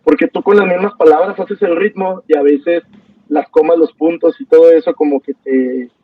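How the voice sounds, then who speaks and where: A young man teaching an online poetry class, relaxed and hesitant, with many fillers and restarts. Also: a little high, moderate pace, dry recording, recorded from a distance. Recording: dull, dry sound from off mic.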